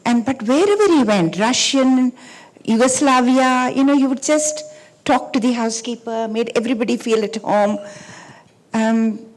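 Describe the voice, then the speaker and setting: This is a woman on a discussion panel, reminiscing in conversation. Her voice is soft-spoken, and her sentences often trail away into near quiet. She sits mid-range in pitch and talks in an unhurried, personal way. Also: low-quality recording. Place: talk venue stage.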